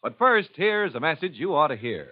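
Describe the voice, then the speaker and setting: A man with a slightly high voice delivers dramatic, emphatic radio-drama announcements. The sound is dull and lo-fi, like an old broadcast. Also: sing-song, normal speed.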